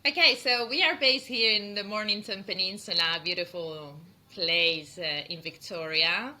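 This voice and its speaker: A middle-aged woman from Spain with a Spanish accent, chatting in an interview about her work as a perfume founder, laughing often and filling pauses with "um" and "uh". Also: mid-range voice. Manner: laughs often, warm and chatty with many fillers. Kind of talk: interview conversation.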